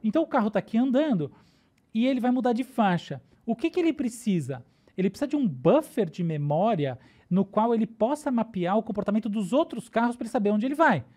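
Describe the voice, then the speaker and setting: A woman's voice: fairly high pitch, animated, fairly quick, dark tone. A woman with a Brazilian Portuguese accent, a neuroscientist guest on a podcast, explaining ideas in casual talk and often checking in with "tá?" and "né?".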